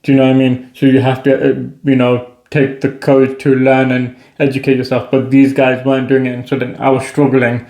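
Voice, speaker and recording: Casual male vlog co-host, mellow and earnest, recorded in a roomy, echoey space. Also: mid-range voice, completely flat delivery, fairly quick, few pauses. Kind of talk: casual conversational chat. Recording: echoey room, slightly dull sound.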